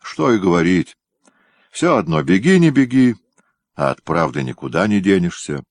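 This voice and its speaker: A man doing rough folksy palace guards. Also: deep voice, very animated, normal speed, no room sound. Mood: grumbling. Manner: folksy peasant speech, loud and raised. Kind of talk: audiobook reading.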